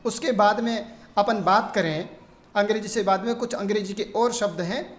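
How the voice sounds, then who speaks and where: A woman teaching a grammar lesson, explaining terms and reading long word lists in a steady teaching tone. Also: mid-range voice, normal speed. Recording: echoey room.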